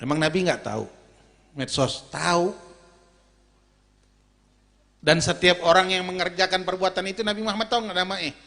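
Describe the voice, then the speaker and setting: A man preaching a lively, jokey sermon at a large gathering, swinging between loud calls and low storytelling. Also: fast talker. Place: large outdoor or hall gathering. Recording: reverberant PA in a big space.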